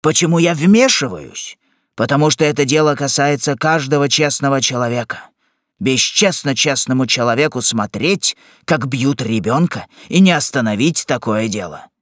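A man's voice: mid-range voice, moderate pace, a bit bright, dry recording, clean studio sound, lightly acted. A man voicing an upright male sergeant who reproaches a bully firmly in an audiobook. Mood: indignant. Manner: firm, reproachful. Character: indignant upright male sergeant, defends the weak. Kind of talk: audiobook character reading.

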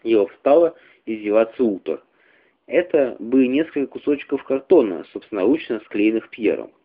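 A man reading a literary story aloud in a measured, expressive way. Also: medium pitch. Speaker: reader. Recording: tinny phone-like radio recording.

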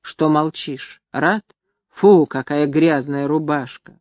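A reader voicing a strong young mother in a story, brisk and commanding. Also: mid-range voice, darkish tone, no room sound, natural voice.

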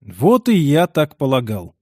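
A man's voice: on the high side, lively intonation, normal speed, a little mellow, no echo. A man reading the part of a strict middle-aged uncle who speaks curtly and dryly. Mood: stern. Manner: curt, dry, reluctant.

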